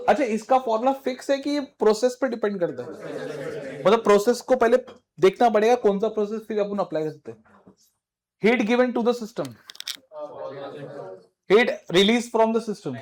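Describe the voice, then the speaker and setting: A male physics teacher. He lectures briskly and fires questions at his students. His tone is informal and direct, like a coaching-class teacher. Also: high-pitched, a little mellow.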